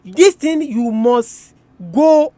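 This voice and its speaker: A radio presenter with a Nigerian Yoruba accent gives an educational talk in a very high voice at an extremely slow pace, with loud music behind him. He teaches didactically, repeating key terms, posing rhetorical questions and switching between two languages.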